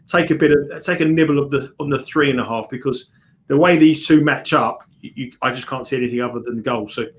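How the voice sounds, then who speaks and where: A man talking as a guest tipster on a live betting stream, rushing and restarting his sentences. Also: medium pitch. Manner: rapid, restarts often, repeats himself.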